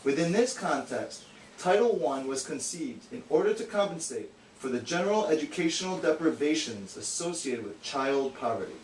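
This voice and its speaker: A man speaks at normal speed in an expressive voice on the high side. He's the straight man of a puppet show, explaining scripted educational content earnestly and matter-of-factly, in an echoey, distant recording with faint noise.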